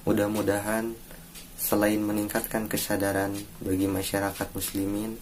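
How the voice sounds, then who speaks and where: A young man with an Indonesian accent, presenting a course assignment in a formal, earnest, measured way, pausing between phrases. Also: fairly low pitch, darkish tone, slight background noise. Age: young adult. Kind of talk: read-aloud presentation.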